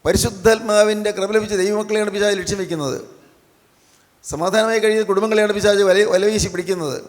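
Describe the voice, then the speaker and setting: A man's voice: high-pitched, fairly even intonation, fast. A man preaching a sermon with emphasis, repeating his key phrases for effect. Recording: long hall reverb.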